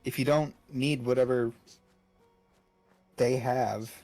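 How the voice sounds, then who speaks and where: A man's voice: mid-range voice, fairly even intonation, slow pace, darkish tone, soft background music. Playful man streaming a game. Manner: playful, teasing, mock-indignant. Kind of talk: casual game stream chat.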